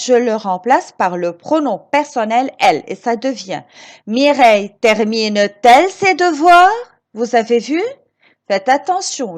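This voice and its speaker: A woman teaching grammar to children, slow and emphatic, repeating each example and encouraging her pupils with questions. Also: on the high side. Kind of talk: recorded grammar lesson for children.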